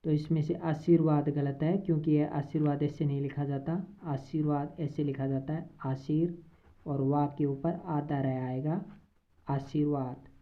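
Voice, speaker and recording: A low-pitched woman teacher talks slowly and carefully through an exam-prep lesson, repeating each word after she reads it. The sound is thin and tinny, like it is coming over a phone line. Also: steady tone.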